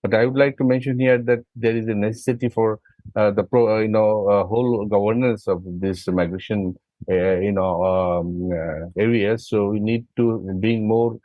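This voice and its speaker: A man from Bangladesh, a migrant rights advocate, speaking haltingly with many fillers in an online meeting. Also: fairly low pitch, fairly even intonation, no echo, narrow, tinny audio.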